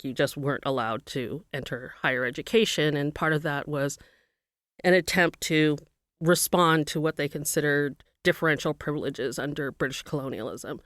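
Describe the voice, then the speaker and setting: A middle-aged woman from Burma who grew up in California appears as a guest on an interview, a professor thoughtfully explaining her background and work with occasional pauses. Her voice sits low, smooth and a bit bright. The sound is studio quality with no room sound.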